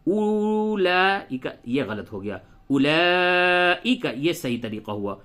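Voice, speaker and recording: A man teaching Quran recitation, patiently spelling letters aloud and reciting verses very slowly. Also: lowish voice. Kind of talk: tajweed lesson with slow recitation and spelling.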